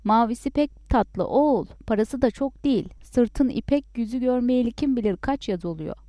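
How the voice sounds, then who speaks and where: A woman voicing a chattering old grandmother in a storybook reading, talking high and shrill. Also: animated, normal speed, mellow, no room sound, natural voice. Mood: coaxing.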